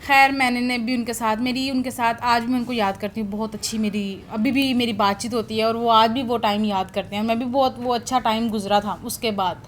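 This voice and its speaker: A woman's voice: a little high, steady tone, hardly any pauses, a little hiss or hum. A woman sharing a personal testimony about her office work in a prayer session, in a rambling, hesitant way with many restarts.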